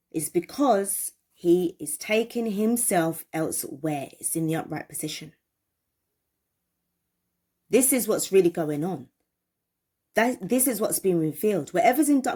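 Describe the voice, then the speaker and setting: A woman's voice: mid-range voice, warm tone. Emphatic woman giving a tarot reading. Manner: emphatic, repeats phrases, asks viewers questions. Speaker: tarot reader.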